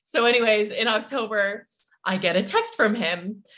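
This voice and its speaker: A woman's voice: mid-range voice, normal speed, a bit bright, slight background noise. A woman, telling a story in casual chat as a podcast co-host, full of fillers and swearing.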